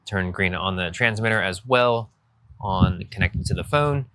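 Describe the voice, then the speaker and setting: A man's voice: low-pitched, unhurried. A man reviewing gear, explaining steadily outdoors in a backyard through a wireless lapel mic with AI noise cancellation switched on. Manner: steady explaining, repeats points. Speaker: tech product reviewer. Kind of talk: casual product demo.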